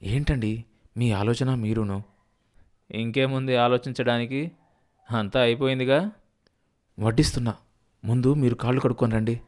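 A man's voice: mid-range voice, steady tone, moderate pace, pauses often, a little mellow, close to an everyday voice. A man voicing an anxious middle-aged village wife who coaxes and snaps at her husband in a storybook reading. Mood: coaxing.

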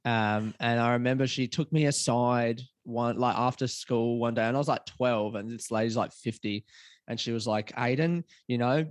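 A man's voice: medium pitch, fairly even intonation, moderate pace, dry recording. A young Australian man, a comedian chatting as a podcast guest, laid-back and swearing casually.

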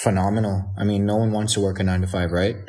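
A man's voice: lowish voice, flat delivery, quick pace, darkish tone. A young man, talking candidly and casually with slang and bits of Hindi-Urdu. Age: young adult. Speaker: podcast guest, musician. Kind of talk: casual chat mixing English with some Hindi-Urdu.

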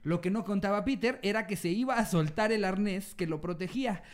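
A man's voice: sits high, brisk. A man with a Mexican accent hosting a podcast, joking in slang and reading listener stories aloud. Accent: Mexican Spanish. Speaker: podcast host.

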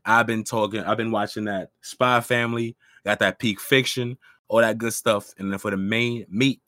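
A man with a hoarse, half-gone voice from a cold, co-hosting a podcast in slangy, casual chat peppered with "bro". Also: fairly low pitch, fairly even intonation, moderate pace, a bit bright, no room sound, clean studio sound. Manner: slangy, says bro constantly. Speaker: podcast co-host. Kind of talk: casual hyped-up anime chat.

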